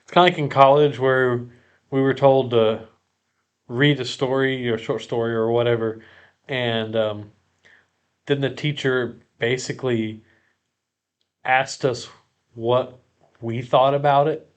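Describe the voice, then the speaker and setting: A man co-hosting a casual podcast, earnest and explanatory. He often restarts sentences as he works out his point. His voice sits at an ordinary, slightly low middle pitch. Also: steady tone, unhurried, pauses often, clear, resonant tone, muffled recording. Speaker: podcast co-host. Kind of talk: casual chat.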